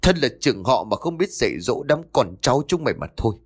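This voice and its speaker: A man's voice: mid-range voice, sing-song, fast talker, breathy edge. A man voicing a stern, furious older male clan head who scolds harshly and wails in grief, in a spoken ghost story. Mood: growling.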